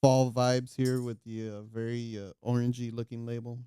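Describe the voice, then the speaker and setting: A man as a returning podcast guest, relaxed and teasing, describing a beer's smell. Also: medium pitch, moderate pace, clean tone, no room sound. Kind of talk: casual chat.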